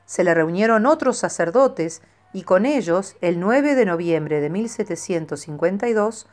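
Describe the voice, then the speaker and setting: A woman calmly reading a scripted devotional life of a saint in a measured way. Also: mid-range voice. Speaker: narrator.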